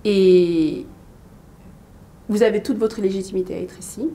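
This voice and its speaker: A woman in her thirties from Mali, a business coach and guest on an interview, speaking casually with many pauses and fillers. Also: mid-range voice. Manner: hesitant, many fillers and restarts, lively storytelling.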